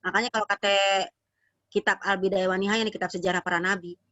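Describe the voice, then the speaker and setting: A woman's voice: mid-range voice, fairly even intonation, fast, bright, forceful tone, no room sound. A woman preacher with a Jakarta Betawi accent gives a casual, slangy religious talk over a video call, acting out quoted prayers. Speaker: female preacher. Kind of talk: virtual religious study talk. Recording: dry, dull lo-fi online call audio.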